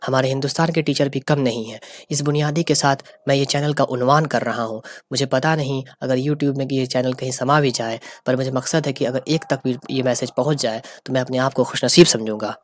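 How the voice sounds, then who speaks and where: A man lectures on sociology at a middle pitch, going over each term again and mixing in English words. The sound is dry and close, with no room echo. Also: steady tone, brisk, hardly any pauses. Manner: explains and repeats terms, mixing in English words. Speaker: teacher.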